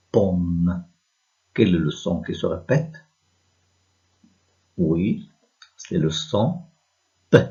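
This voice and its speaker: Male teacher, very slow and deliberate, mellow tone, spells out sounds for young kids, dull lo-fi audio. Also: sits low. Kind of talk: reading lesson for young children.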